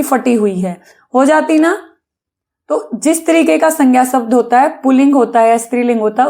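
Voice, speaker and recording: A woman teacher with a high, slightly mellow voice and some vocal fry gives children a patient grammar lesson. She calls her pupils "beta" and often poses questions, then answers them herself.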